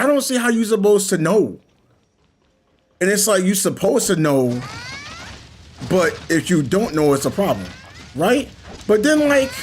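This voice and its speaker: A man's voice: sits high, vocal fry, a little hiss or hum. A man streaming a game, telling a long rambling story in casual chat and acting out the people in it. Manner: rambling, animated storytelling with voiced quotes. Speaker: gaming streamer. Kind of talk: casual chat while gaming.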